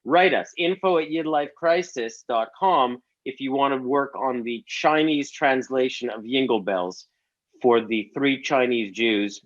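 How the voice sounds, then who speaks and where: A man's voice: mid-range voice, a little slow. Guy on a muffled lo-fi video call, jokey, self-deprecating. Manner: joking, self-deprecating asides. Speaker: comedy series co-creator, guest. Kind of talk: casual panel chat.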